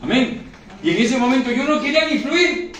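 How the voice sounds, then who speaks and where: A man's voice: extremely high pitch, expressive, moderate pace. A male preacher delivering an emotional sermon, repeating phrases and asking the congregation questions. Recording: echoey room, recorded from far off, faint noise.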